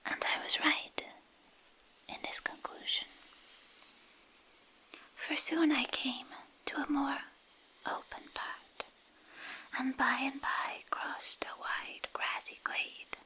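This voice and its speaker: A woman reads a literary fantasy story as ASMR in a breathy, intimate whisper, hushed and pausing between short phrases, close to a binaural microphone. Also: high-pitched, rough recording. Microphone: close binaural microphone, ear to ear.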